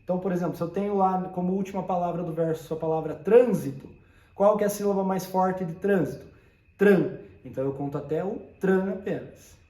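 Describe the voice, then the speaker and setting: A man's voice: sits high, fast, warm tone, reverberant. A man teaching a poetry lesson, explaining step by step and often checking that listeners follow.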